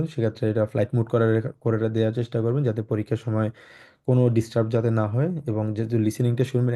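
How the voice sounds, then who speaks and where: A man's voice: medium pitch, dark tone. A man teaches a German class online, talking loosely with many fillers. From Bangladesh. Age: 20s. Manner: slow, clearly spaced model sentences. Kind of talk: online lecture to students.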